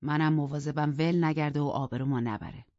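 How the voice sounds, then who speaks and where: A man voicing a bitter, obsessive young man who talks with intense scorn and drops into low whispers in an audiobook. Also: fairly even intonation, a little mellow, no echo, close to an everyday voice. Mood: contemptuous. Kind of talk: audiobook character reading. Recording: dry, dull lo-fi recording.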